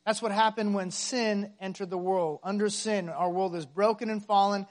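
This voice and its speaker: A man's voice: high-pitched, fairly even intonation, moderate pace. A pastor delivering a sermon to his congregation, emphatic and full of rhetorical questions.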